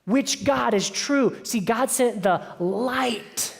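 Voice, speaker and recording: A man's voice: very high voice, slow, gravelly. A man preaching a conversational sermon as pastor, telling stories in a casual way with frequent "like". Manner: casual storytelling, sprinkled with "like". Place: church sanctuary. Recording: long reverb of a church hall.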